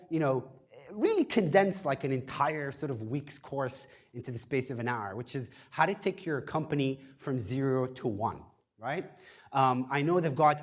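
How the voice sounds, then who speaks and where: A fast-talking man delivers an easygoing lecture in a medium-pitched voice, standing before an audience in an event space. Invited to speak at a startup workshop, he downplays himself and uses plenty of filler words.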